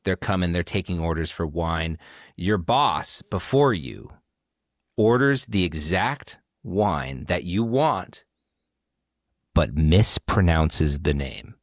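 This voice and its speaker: A man co-hosting a wine podcast, telling a scenario in a lively, animated way with lots of quick affirmations. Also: sits low, no echo, clean studio sound. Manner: animated storyteller, frequent affirmations. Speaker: podcast co-host. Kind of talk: casual chat.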